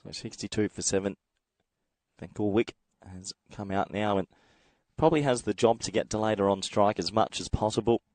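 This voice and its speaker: A man from Australia doing solo live cricket commentary with a slightly croaky voice from a head cold, chatty and reading viewer comments as he goes. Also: on the low side, fairly quick, darkish tone, no echo.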